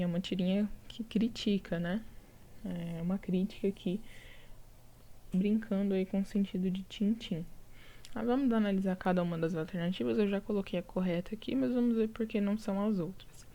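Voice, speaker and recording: A woman with a Brazilian Portuguese accent teaching a recorded lesson, walking through each answer step by step. Her voice is dark and gravelly, with a mellow, unhurried tone. She checks in with her students often as she explains. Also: mid-range voice. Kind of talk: recorded lesson going over exercises.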